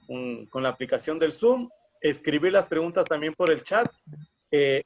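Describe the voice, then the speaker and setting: A man moderating an online workshop, speaking in a polite, organizing way over a video call. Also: a little high. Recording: muffled lo-fi video call audio.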